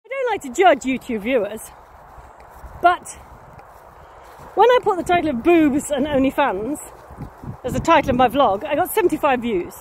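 Lively high-voiced woman vlogging. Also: normal speed, pauses often, slight background noise. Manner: chatty, wandering, self-mocking, laughs often. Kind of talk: casual rambling vlog.

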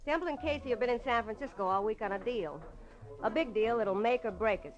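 An American actress with a higher, fairly quick natural voice plays a tough, shrewd, guarded silk merchant, a femme fatale client, in a late-1940s radio noir drama. Her mood is confiding. The vintage recording is muffled, with faint music in the background.

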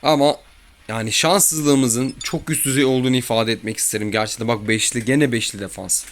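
A man's voice: medium pitch, fairly even intonation, fairly quick, faint music behind. A man giving casual commentary over his own football video game match, grumbling and exasperated about his mistakes and bad luck. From Turkey. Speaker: gaming YouTuber.

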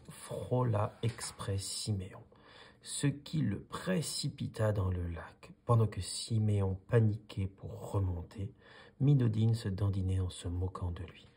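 A man calmly reading a children's story aloud in a soothing manner. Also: low voice, slight background noise. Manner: calm, soothing. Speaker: storybook reader. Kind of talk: calm read-aloud story.

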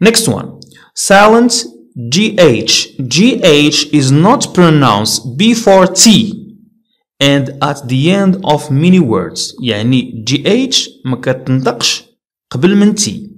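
A young man with a Moroccan accent teaching English pronunciation, explaining rules in Darija and reading English rules slowly and carefully. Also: fairly high pitch. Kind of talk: pronunciation lesson.

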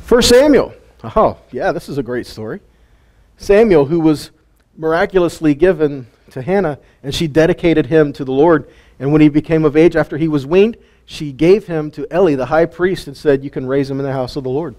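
A man's voice: fairly high pitch, lively intonation, normal speed, darkish tone. A man giving a casual sermon teaching, retelling Bible stories in a folksy, plain-spoken way.

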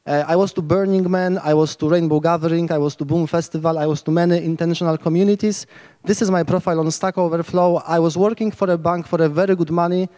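Pitched on the high side with a dark tone, the man's voice moves quickly and stays fairly even in intonation, echoing through a big room. He is a Polish man in his thirties on a hacker camp's large tent stage, rambling eagerly through an informal lightning talk on a handheld mic, with many restarts.

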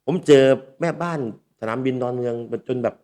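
A man's voice: mid-range voice, fairly quick. A man, hosting a casual storytelling talk and acting out the voices of people he quotes. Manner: lively, acts out quoted voices. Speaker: speaker and talk show host.

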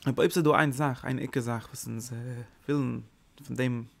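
A man teaching a religious lecture, his mid-pitched voice rough with a gravelly rasp. He talks in animated, emphatic bursts and drops in English words as he explains. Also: normal speed. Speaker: Torah teacher.

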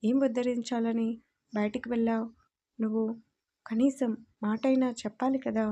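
A woman's voice: a little high, flat delivery, moderate pace, mellow, dull audio, close to an everyday voice. A woman voicing a timid, tearful young wife who pleads earnestly in a storybook reading. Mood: pleading.

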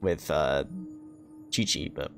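A game streamer with a gravelly, slightly bright bass voice takes his time chatting casually on a livestream, swearing freely and poking fun at himself. He's in an indoor room with a streaming setup, game music playing in the background.

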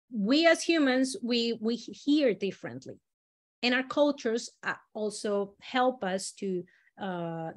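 A woman from Latin America leading a storytelling workshop, explaining exercises in an animated, demonstrative way. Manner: animated, demonstrative, swings pitch and loudness while modeling voices. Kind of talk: teaching a live workshop.

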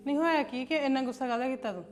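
A chatty, defensive elder sister-in-law played by a woman in a family drama. Her voice is slightly high and conversational. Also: rapid-fire, soft background music, lightly acted.

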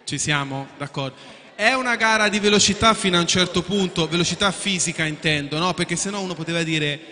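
A man's voice: sits high, quick pace, bright, forceful tone. A man hosting a live quiz, explaining the rules to contestants in a chatty way and often asking if everyone agrees. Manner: chatty, repeats and restarts, asks for agreement. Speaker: quiz show host. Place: event hall with contestants. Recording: echoey hall.

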